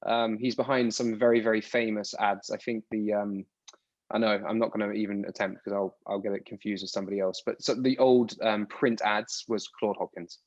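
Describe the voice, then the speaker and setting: This UK man in his thirties, a podcast guest, speaks briskly in a fairly low, flat voice. He rambles through his interview answers in a casual way, frequently restarting words, and the sound is dry, dull and lo-fi.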